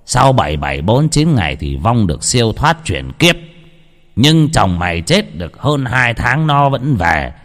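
A man voicing an old village shaman who gives stern, gruff orders slowly. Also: medium pitch, sing-song, a bit bright. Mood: solemn. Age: older. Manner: slow, stern, gruff commands. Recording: long reverb.

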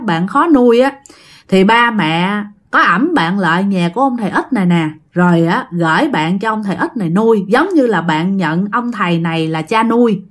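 A woman casually retelling a ghost story and speaking directly to her listeners. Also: mid-range voice. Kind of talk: spoken ghost story narration.

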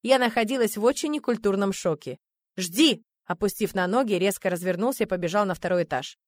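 A woman narrating a first-person story aloud, lively and playfully ironic. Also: mid-range voice, fast, dry recording, studio quality. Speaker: audiobook narrator.

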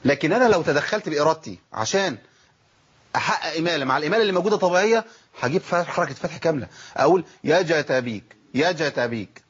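A Quran recitation teacher with an Egyptian Arabic accent gives a tajweed lesson, teaching fast and animatedly as he asks himself questions and demonstrates letter sounds. His voice is on the high side and slightly rough, and the recording is lo-fi.

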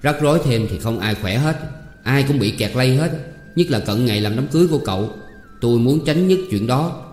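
A man voicing a sharp-tongued young servant woman. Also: medium pitch, expressive, a little fast, voice pushed up, lightly acted. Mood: tart. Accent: Southern Vietnamese. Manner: coaxing, then tart and firm. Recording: echoey hall with faint music.

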